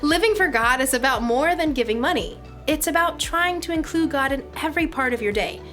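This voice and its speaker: A woman's voice: high-pitched, expressive, fairly quick, a bit bright, faint music behind. A young woman hosting a kids' devotional, bubbly and upbeat. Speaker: children's ministry host.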